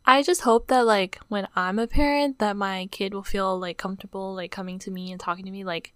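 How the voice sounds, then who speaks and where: This young woman co-hosts a podcast, chatting casually but emotionally and sounding close to tears while saying "like" constantly. Her mid-range voice moves fairly quickly with fairly even intonation, and there's no echo.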